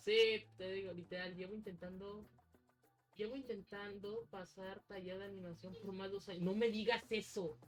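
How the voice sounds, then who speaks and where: A woman with a Mexican accent gives casual game commentary as a streamer, excitable and full of slang. She rambles and restarts, and her voice swings high whenever something excites her. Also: moderate pace, soft background music.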